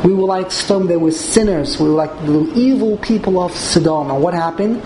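A man's voice: high voice, normal speed, warm tone. A man teaching an informal Talmud class as a rabbi, repeating and rephrasing as he explains phrase by phrase. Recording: clearly noisy room recording.

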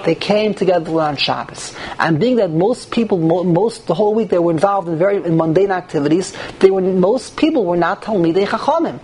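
A man's voice: high-pitched, lively intonation, fairly quick, few pauses, darkish tone. A man gives an informal religious lecture to a group, repeating phrases and asking rhetorical questions. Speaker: rabbi giving a religious class. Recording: noisy live room recording.

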